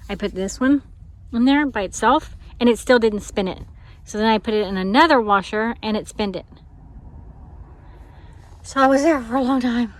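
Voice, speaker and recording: A woman vlogging casually outdoors in a small town, rambling through a story with lots of ums and laughs, sometimes dropping to a hushed voice. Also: fairly high pitch, moderate pace, pauses often.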